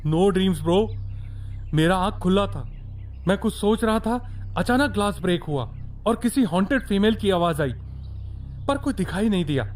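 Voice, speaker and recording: A man plays an anxious, lovesick young man in a horror audio drama. His voice is fairly high, and he mixes English into broken Hindi. A faint hiss runs beneath. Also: expressive, moderate pace, pauses often. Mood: worried.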